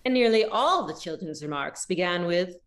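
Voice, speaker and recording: A woman narrating a story aloud in a measured, expressive way. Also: fairly low pitch.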